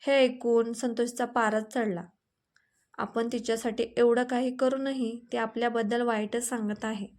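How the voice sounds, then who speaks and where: A woman narrates a story in a steady, matter-of-fact way. Her voice sits fairly high and keeps a flat, even tone throughout. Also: moderate pace.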